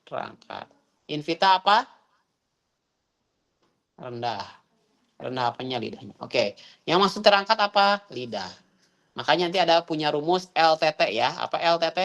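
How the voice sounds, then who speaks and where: A woman's voice: low-pitched, big pitch swings, normal speed, pauses often, fairly bright tone. A woman teaching a Quran recitation class, asking students questions again and again. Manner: questioning, repeats prompts to students. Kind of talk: online tajwid class.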